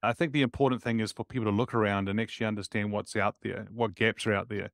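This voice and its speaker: A man's voice: fairly low pitch, fairly even intonation, fast talker, no echo, studio quality. A man hosting a podcast interview, upbeat and full of praise as he questions his guest. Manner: enthusiastic, frequent praise words. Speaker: podcast host.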